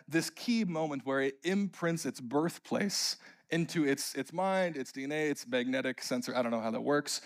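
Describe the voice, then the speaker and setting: Animated young man telling a sermon story. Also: on the high side. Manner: animated storytelling, builds to emphatic preaching. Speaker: preacher.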